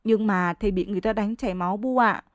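A woman reading as a scared little village boy, pleading anxiously with his mother. Her voice sits mid-pitch, with a dry, close sound. A storybook child in distress. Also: fast, no echo, close to an everyday voice. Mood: panicked. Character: frightened young village boy.

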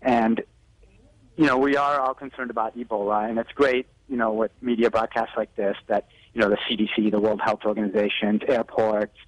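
A lowish, level male voice comes through quickly over poor, dry audio with no room sound. He's a physician appearing as a guest expert by phone on a live TV news segment, explaining health advice and repeatedly saying "you know."

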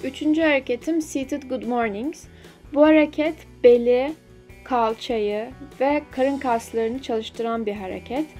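A woman's voice: high voice, unhurried, dark tone, faint music behind. A young woman vlogger talking casually and explaining a workout step by step in an instructive, slightly self-deprecating way. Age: young adult. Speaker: fitness vlogger.

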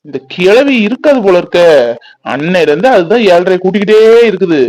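A man's voice: high-pitched, lively intonation, brisk, darkish tone, no echo, poor audio. A young man, playing a teasing, boastful village youth who dotes on his sweetheart. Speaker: actor in a family fan drama. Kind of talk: village romance drama acting.

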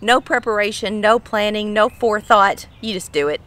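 A woman's voice: mid-range voice, steady tone, moderate pace, a bit bright. A middle-aged woman with a Kentucky Southern drawl, chatting casually outdoors to camera as she explains things in a folksy way, repeating phrases for emphasis. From Kentucky, United States. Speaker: vlogger explaining slang. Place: outdoors on a home pool patio.

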